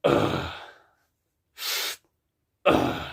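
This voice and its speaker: Male scream coach producing short false chord bursts, a gritty, rasping deep growl. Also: very slow, a bit bright. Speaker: scream vocal instructor.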